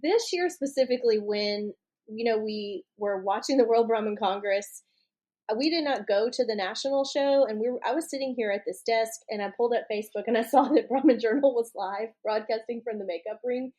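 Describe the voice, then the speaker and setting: A woman co-hosting a podcast, chatty and quick to laugh. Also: on the high side, dark tone. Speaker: podcast co-host. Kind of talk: casual chat.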